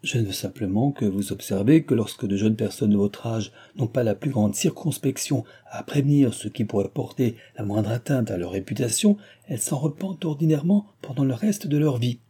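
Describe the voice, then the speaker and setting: Figure: arrogant former guardian voiced by a man, proud, preachy, dark husky voice. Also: medium pitch, normal speed, few pauses, close to an everyday voice. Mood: haughty, lecturing. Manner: haughty, lecturing.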